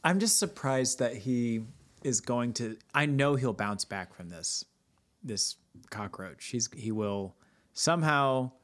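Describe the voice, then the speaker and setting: A man's voice: mid-range voice, a bit bright. Joking, profane male podcast co-host. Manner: joking, profane, laughs often. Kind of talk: casual chat.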